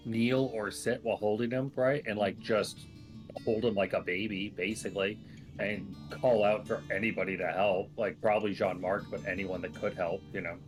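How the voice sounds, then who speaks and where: Rambling low-voiced tabletop player, a man. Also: steady tone, normal speed, faint music behind. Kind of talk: casual tabletop play.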